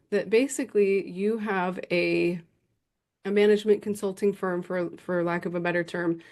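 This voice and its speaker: A woman's voice: medium pitch, darkish tone. Female podcast host, friendly interviewer, conversational delivery. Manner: friendly, conversational, asks open questions. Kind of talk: casual interview.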